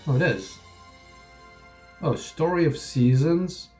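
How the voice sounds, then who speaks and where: Sniffling from illness, a gaming reaction streamer talks through video game announcements live in a rambling, offhand and sometimes wry way. He speaks slowly in a slightly high, animated and somewhat mellow voice. Trailer music can be faintly heard in the background.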